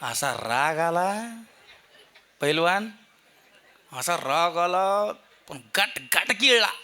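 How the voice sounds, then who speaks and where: Bright high-voiced man preaching with humor. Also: lively intonation, slow. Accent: rural Marathi. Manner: comic storytelling, acting out voices. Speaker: kirtan preacher. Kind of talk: humorous devotional sermon. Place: temple festival stage.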